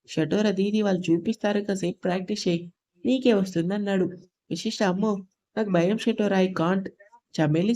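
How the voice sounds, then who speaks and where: A woman's voice: mid-range voice, dark tone. A woman narrating a romantic audio story, reading every character's lines in her own voice. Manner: reads all characters' dialogue in her own voice.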